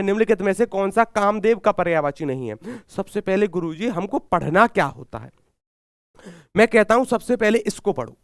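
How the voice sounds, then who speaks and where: Hindi tutor with a sore throat. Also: male voice, sits high, dry recording, clean studio sound. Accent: Haryanvi. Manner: asks the class a question and answers it himself; repeats key words, calls himself guruji. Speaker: Hindi exam teacher. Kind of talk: live online class.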